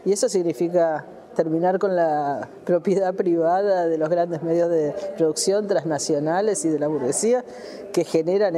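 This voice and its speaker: A woman with an Argentine accent talks as a guest in a radio interview. Her voice sits a little low and sounds warm and mellow. She speaks in a measured, earnest way and fills her pauses with "eh". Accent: Argentine Spanish. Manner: measured, earnest, frequent "eh" fillers. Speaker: feminist activist guest.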